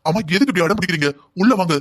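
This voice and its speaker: A man's voice: high-pitched, expressive, very fast. A young man voicing a stubborn, resentful husband in a cartoon drama, speaking harshly and defiantly. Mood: agitated.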